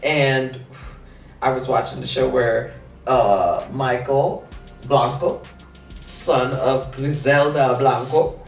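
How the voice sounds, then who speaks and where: A woman's voice: very deep voice, slow pace, faint music behind. A woman host from Africa in casual chat, talking bluntly with lots of swearing. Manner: blunt, profane, animated. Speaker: podcast host. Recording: roomy sound from the mic at a distance.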